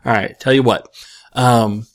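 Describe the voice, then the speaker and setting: A man's voice: medium pitch, steady tone, unhurried. Rambling self-deprecating man. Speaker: podcast host answering listener questions. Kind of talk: casual chat.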